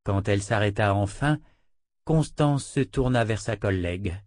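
A man's voice: expressive, measured pace, darkish tone, dry recording. A man narrating an audiobook, reading every part himself and lifting his voice for the women. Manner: reads all parts, lifting pitch for the women's lines.

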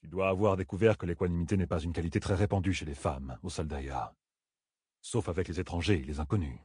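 A man voicing a weathered, wary older woodsman who talks low and wryly. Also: darkish tone, slightly rough, dry recording, clean studio sound. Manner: low, muttering, wry.

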